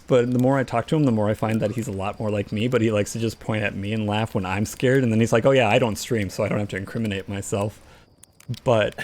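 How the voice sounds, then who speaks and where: A man hosting a casual podcast, telling a story and acting out the quoted lines with animation. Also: medium pitch. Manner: animated, acts out quoted dialogue. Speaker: podcast host and streamer.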